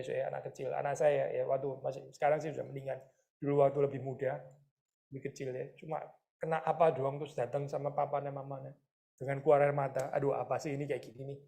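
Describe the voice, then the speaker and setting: A man preaching a lively, conversational sermon as pastor, often asking his listeners rhetorical questions. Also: fairly high pitch, creaky. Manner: mixes English words into his talk.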